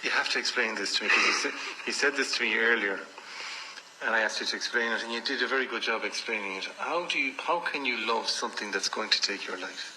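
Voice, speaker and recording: A man's voice: mid-range voice, quick pace. A man interviewing conversationally, asking direct, probing questions. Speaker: radio interviewer. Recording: noisy background with room ambience.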